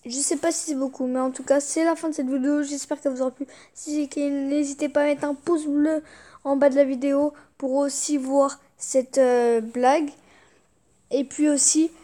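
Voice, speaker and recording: A woman's voice: high-pitched, mellow. A young woman YouTuber reading jokes aloud, fighting back giggles and muttering reactions between them.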